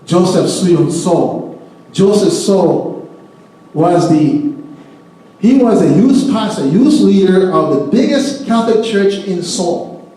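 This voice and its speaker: A middle-aged man, a pastor, giving a sermon as an animated storyteller who laughs often and repeats and restarts his words. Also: high voice, slow pace. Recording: echoey hall, mic at a distance.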